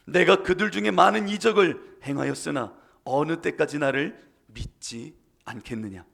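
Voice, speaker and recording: A preacher voicing a wrathful, grave God. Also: male voice, mid-range voice, creaky, fairly bright tone, pitched below the performer's own voice, heavily acted. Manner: slow, grave, threatening.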